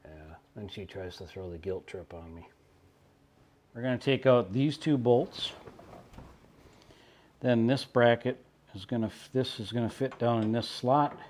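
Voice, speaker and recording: A man's voice: lowish voice, darkish tone, slight background noise. A man narrating a casual how-to while working in his own vehicle, with a wry, self-deprecating, muttering manner. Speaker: DIY car vlogger.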